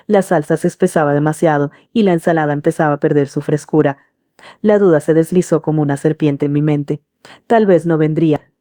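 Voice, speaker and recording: A middle-aged woman reads a first-person story in a calm, earnest manner. Her voice is low and dark-toned. The recording is close and dry. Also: fairly quick, dry recording. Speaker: narrator. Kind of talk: scripted first-person narration.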